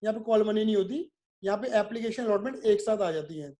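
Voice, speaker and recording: A man's voice: high-pitched, fast talker, dark tone. A male commerce teacher giving a video lecture. He asks questions, answers them himself, repeats key terms and calls his students "my son". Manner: repetitive, drilling terms.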